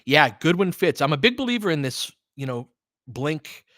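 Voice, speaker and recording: This man's voice sits on the high side and has a sing-song lilt, moving at a moderate pace with a fairly bright tone. Hosting a basketball film-room audio stream, he does casual live play-by-play and breakdowns, chatting with listeners and cheering players like a fan. The sound is clean studio audio without room sound.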